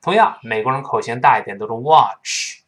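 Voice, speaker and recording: A man teaching English pronunciation in Mandarin Chinese, who drills each phrase slowly and repeats it for his students to say back. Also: mid-range voice, animated, a bit bright.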